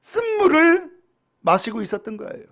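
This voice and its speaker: Animated, high-pitched male preacher with gravelly edge. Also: normal speed. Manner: animated preaching, acts out quoted speech. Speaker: pastor. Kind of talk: sermon.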